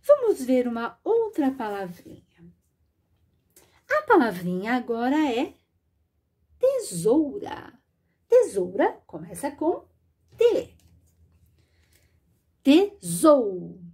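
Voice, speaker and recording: A woman's voice: high voice, darkish tone, breathy edge. A woman teaching a children's literacy lesson, patient and didactic, drawing out words and sounds as she speaks straight to the learner. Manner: slow, drawn-out and sing-song, stretching words and sounds.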